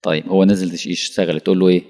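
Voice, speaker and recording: Fast-talking Egyptian preacher in a reverberant hall. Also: male voice, low-pitched. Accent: Egyptian Arabic. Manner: animated, rhetorical questions, acts out dialogue. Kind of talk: colloquial religious lesson.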